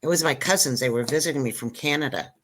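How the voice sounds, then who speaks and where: Talking fast in a very deep voice, an older woman born in Israel, with Hebrew as her first language, tells her story as a guest comedian in a casual interview. She rambles, interrupts herself, and keeps cracking jokes.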